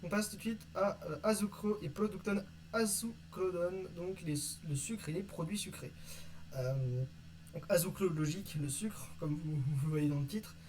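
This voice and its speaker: A man teaching vocabulary from an invented language in a casual lesson, reading word lists and pausing often with fillers. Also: high voice, darkish tone, a little hiss or hum, poor audio. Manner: reads word lists, hesitant with many "euh". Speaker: conlang teacher.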